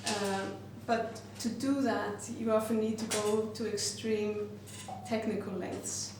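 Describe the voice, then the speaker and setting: This Icelandic woman discusses her glass work slowly and reflectively, pausing often as she searches for words. Her mid-range voice barely moves in pitch, and the recording is distant, very roomy, and noisy.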